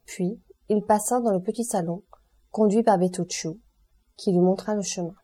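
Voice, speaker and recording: A woman narrating a classic novel as an audiobook in a measured storytelling manner. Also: mid-range voice, steady tone, dark tone, slightly rough.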